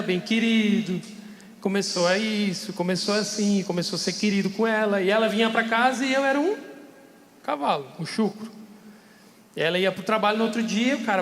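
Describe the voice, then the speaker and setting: Male podcast guest, high-pitched, candid emotional testimony, reverberant studio sound. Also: fairly bright tone, a little hiss or hum. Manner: candid, emotional storytelling with laughter. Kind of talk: casual testimony. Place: radio studio.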